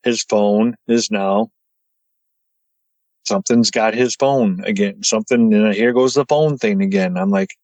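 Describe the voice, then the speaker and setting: A man telling his story as a podcast guest, excited and stumbling over his words as he gets wound up. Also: fairly low pitch, a little slow, dry recording, rough recording.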